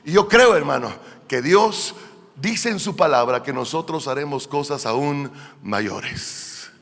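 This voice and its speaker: A fervent male pastor with a high voice preaches in a church, calling out to his congregation. He drops into soft asides, then rises into loud, emphatic calls. A long hall reverb trails after each phrase. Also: lively intonation, slow pace, vocal fry. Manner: fervent preaching, addresses listeners as "hermano". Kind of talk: sermon.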